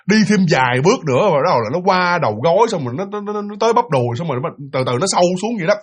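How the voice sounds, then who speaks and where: A man narrating a ghost story, animated and speaking directly to his listeners. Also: sits high, racing, slightly rough.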